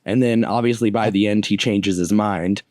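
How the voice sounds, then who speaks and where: Laid-back young man with a lowish voice. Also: fairly even intonation, moderate pace, darkish tone, dry recording, clean studio sound. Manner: rambling, profane, laughs often. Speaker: podcast co-host. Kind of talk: casual movie review chat.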